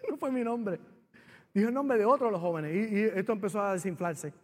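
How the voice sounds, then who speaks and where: A pastor preaching with a very high voice, his words ringing through a reverberant church hall. He tells his story with great feeling, jumping from loud cries to hushed lines. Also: sing-song, moderate pace. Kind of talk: sermon.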